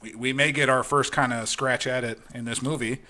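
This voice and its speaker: Dude on a podcast, bright forceful voice, super frank, keeps restarting sentences. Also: male voice, medium pitch, fairly even intonation, a little fast. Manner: opinionated, frank, restarts a lot. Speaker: podcast co-host. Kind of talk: casual chat.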